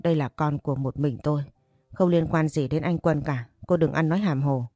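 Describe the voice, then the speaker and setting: A woman voicing a frightened but defiant young pregnant woman, in a low, mellow voice. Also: brisk, no echo, studio quality, soft background music. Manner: defiant, pleading.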